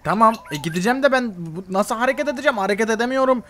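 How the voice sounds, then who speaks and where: A man's voice: very high voice, rapid-fire, bright, forceful tone, slight background noise. A young man role-playing a game story with comic exasperation and lots of exclamations. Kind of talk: comedic game role-play commentary.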